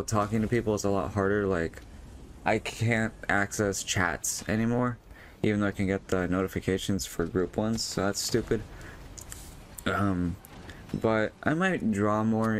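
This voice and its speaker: A man's voice: fairly low pitch, fairly even intonation, moderate pace, slight background noise. Young man rambling casually over gameplay. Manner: rambling, frequent fillers and restarts. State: voice feels strained and odd. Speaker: vlogger.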